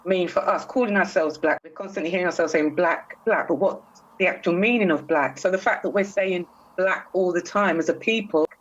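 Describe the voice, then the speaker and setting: A woman's voice: fairly low pitch, fairly quick. A British woman hosting a radio talk show and putting questions to her guest with long setups. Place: radio studio. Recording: dull lo-fi sound.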